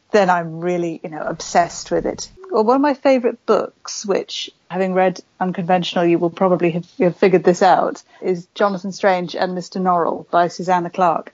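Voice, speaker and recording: A woman author from West Wales talks casually and at length as a podcast guest, chatty and rambling with lots of fillers. Her voice sits lowish and a little mellow. The audio is dull, with no room sound.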